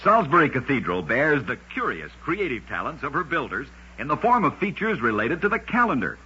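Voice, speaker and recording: A man with a slightly high, husky, gritty voice hosts a vintage radio program, dramatically narrating short scripted stories. He's very animated and fairly quick with a sharp tone, and the old recording has a lo-fi sound.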